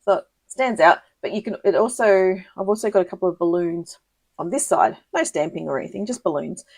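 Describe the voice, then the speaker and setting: A woman hosting a casual live crafting tutorial, chatty and giggly, with many ums and quick self-corrections. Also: lowish voice, animated, gravelly, a little mellow, no room sound. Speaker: papercraft demonstrator hosting a live video.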